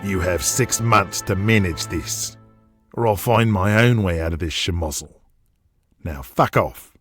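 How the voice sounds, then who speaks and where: Here the narrator's domineering Australian tycoon and big-game hunter turns menacing, still boastful, profane and intimidating. The male narrator pitches him above his everyday voice and speaks a little slowly, with music playing clearly behind this audio drama scene.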